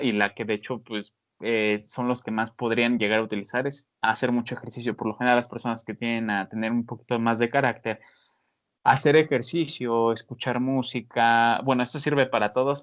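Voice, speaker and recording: Man, casual podcast advice, animated, filler-heavy, mid pitch, dull lo-fi audio. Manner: animated, many fillers, acts out scolding voices. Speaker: podcast panelist. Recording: dull lo-fi sound.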